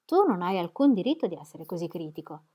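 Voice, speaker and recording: A quick-tongued young woman with a spirited, pointed way of speaking, read aloud by a woman. Her voice sits lower than most women's and lifts and sharpens when she argues. A storybook reading. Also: sing-song, husky. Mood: firm. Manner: brisk and pointed, higher and louder than the narration. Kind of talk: audiobook reading.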